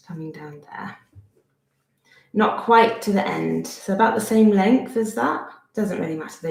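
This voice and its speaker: This Bristolian woman in her thirties has a fairly low, slightly mellow voice with vocal fry, echoing around the room. An art teacher at her home desk indoors, she guides a friendly step-by-step drawing lesson, musing aloud and poking fun at herself.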